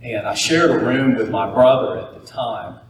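A man's voice: lowish voice, moderate pace, background noise. Floridian guy doing a keynote in a big echoey hall, folksy joking storyteller, sounds far off. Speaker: keynote speaker. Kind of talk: motivational keynote speech. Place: conference hall.

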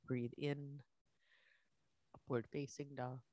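A yoga instructor slowly coaching breath and movement through a guided class in short, spaced phrases. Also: medium pitch, flat delivery, dark tone, dry recording.

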